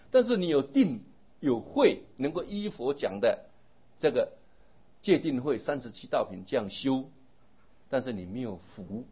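A man giving a Buddhist dharma sermon, explaining at length and trailing many phrases with a drawn-out particle. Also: on the low side, husky. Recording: dull lo-fi recording.

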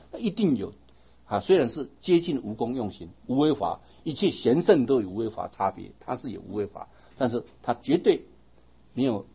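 A man giving a lively Buddhist dharma talk to his students, often asking them "right?" as he teaches. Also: mid-range voice, slightly rough, lo-fi sound.

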